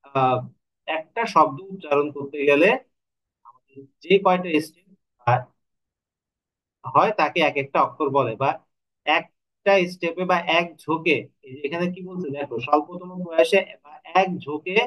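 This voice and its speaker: A man with a Bangladeshi Bengali accent teaching an online lecture, explaining step by step with rhetorical questions and slowly stretching syllables to demonstrate. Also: fairly high pitch, a bit bright, low-quality recording. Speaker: Bengali literature tutor.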